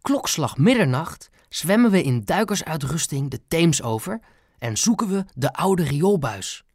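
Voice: mid-range voice, sing-song, measured pace, dry recording, clean studio sound. A narrator voicing an eager, scheming young boy laying out a plan, in an audiobook reading. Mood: conspiratorial. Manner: eager, conspiratorial.

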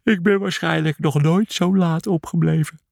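A man's voice: fairly high pitch, steady tone, moderate pace, vocal fry, a little mellow, no echo, studio quality, voice pushed up. A man voicing an anxious, bossy young male donkey who scolds in a hissing voice. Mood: fretful.

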